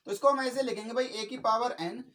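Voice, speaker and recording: A male maths teacher giving a classroom-style lecture, slow and repetitive, adding "okay brother" after nearly every sentence. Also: very high voice, steady tone, fairly bright tone. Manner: slow and repetitive, spells out each step.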